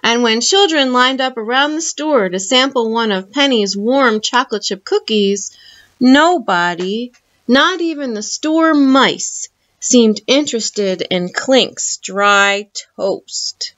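A woman reads a children's picture book aloud at an unhurried pace, her fairly high voice rising and falling with lively expression. The sound is dull and muffled, as from a lo-fi home recording. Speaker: library storytime reader. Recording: muffled lo-fi audio.

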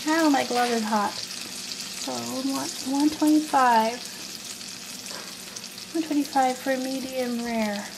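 A woman's voice: high-pitched, steady tone, takes it slowly, creaky, long pauses. A woman and mother cooking at home, chatting casually to herself and her kids, sometimes dropping to a whisper. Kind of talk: casual cooking vlog chat. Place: home kitchen, indoors. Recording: loud kitchen noise with sizzling food.

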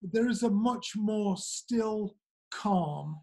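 A man's voice: high voice, a little mellow. Hesitant male interviewer on a video call. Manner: hesitant, halting, many fillers. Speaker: interviewer, host. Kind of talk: conversational interview. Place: small indoor room, video call. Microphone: webcam on a video call.

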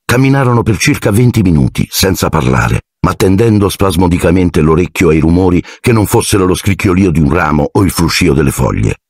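A man narrating an audiobook in an expressive storytelling manner. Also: low voice, fairly quick, few pauses, no echo, clean studio sound. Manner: expressive storytelling, shifting into character voices. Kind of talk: scripted narration.

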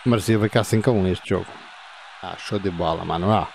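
A man, playing a football video game and reacting excitedly, shouting and repeating words. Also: sits low, brisk, gravelly, noisy background. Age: 50s.

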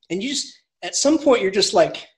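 A man lecturing as an English professor in an informal, animated way, often restarting sentences and chuckling through his asides. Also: high voice, moderate pace.

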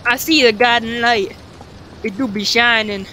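A woman's voice: on the high side, steady tone, normal speed, pushed and bright. A young woman chatting casually while playing a game, giggly and jittery, swearing playfully as her nerves get to her. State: jittery and shaky. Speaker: gamer recording a video. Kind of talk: casual gaming chat. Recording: clear background noise.

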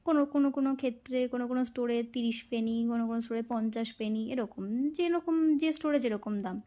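A woman's voice: on the high side, steady tone, fast talker, mellow. Chatty Bengali woman vlogging while cooking. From India. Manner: chatty, storytelling, many fillers. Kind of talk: casual chat while cooking. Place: home kitchen.

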